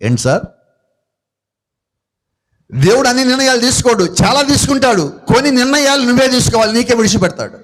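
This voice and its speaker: A man's voice: extremely high pitch, sing-song, fairly quick, long pauses, a bit bright. A man with a Telugu accent preaching a sermon to a congregation, asking them questions and answering them himself. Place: church gathering.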